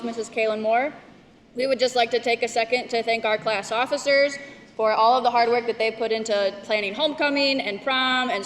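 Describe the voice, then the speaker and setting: A woman class advisor giving a ceremony speech, thanking the class officers and reading out their names. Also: a little high. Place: large school gymnasium. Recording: echoey gym from far off, loud crowd. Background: crowd noise.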